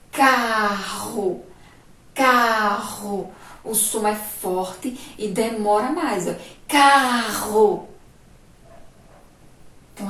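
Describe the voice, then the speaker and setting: A woman with a Brazilian Portuguese accent teaching a remote primary-school lesson, explaining slowly and patiently and asking the class rhetorical questions. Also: on the high side, roomy sound, recorded from a distance, rough recording.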